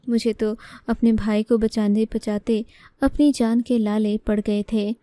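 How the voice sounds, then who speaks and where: Woman storyteller, first-person narration, earnest and emotional, very mellow dark tone, dry close sound. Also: medium pitch, no room sound.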